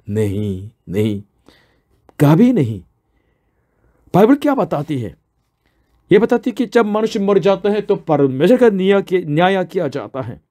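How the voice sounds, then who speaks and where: A man preaching a sermon with a fairly high voice and a dark, mellow tone. He is earnest and explains as he goes, often asking a question and then answering it himself.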